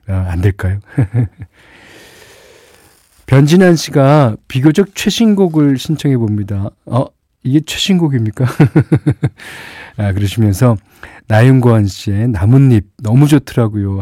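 Mellow, easygoing male radio DJ. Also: lowish voice, no room sound, clean studio sound. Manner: relaxed, chatty, reads listener messages with small laughs. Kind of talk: late-night radio music show chat. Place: radio studio. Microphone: studio microphone.

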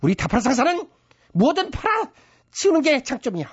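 A man's voice: very high-pitched, wildly swooping pitch, a little fast, dry recording, pitched above the performer's own voice, exaggerated voice. A man playing a greedy, scheming company chairman who bosses his staff around in a radio comedy sketch. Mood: scolding. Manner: bossy, scolding underlings. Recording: slightly dull radio broadcast with faint music.

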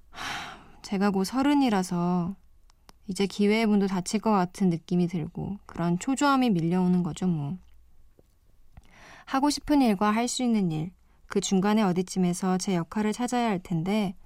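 Woman, late-night radio DJ, calm and reflective, mid pitch, dry close studio sound. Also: dry recording. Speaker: guest radio DJ.

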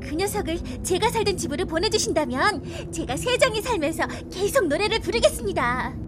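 Casting: cheeky young fantasy heroine, very high, lively swings, noisy backdrop. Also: female voice, brisk. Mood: nervous pleading. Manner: pert, expressive, chatty. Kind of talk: dramatized comic audio acting.

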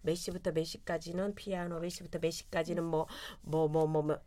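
A woman in her forties telling a story in casual chat, animated and bursting into loud quoted lines. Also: sits low, moderate pace. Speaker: storyteller guest.

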